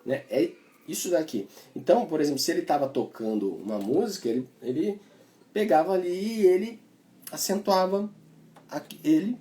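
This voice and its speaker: Brazilian guy teaching cavaquinho, chatty, warm low voice, soft strumming behind. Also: animated, moderate pace, soft background music. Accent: Brazilian Portuguese. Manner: chatty, explains while playing, many filler tags. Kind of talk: casual music lesson. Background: cavaquinho playing.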